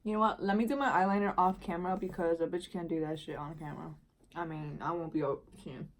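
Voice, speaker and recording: A woman's voice: lowish voice, fairly even intonation, quick pace. Rambling young woman telling a storytime. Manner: rambling, heavy use of "like" and "dude". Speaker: vlogger. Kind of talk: casual storytime chat.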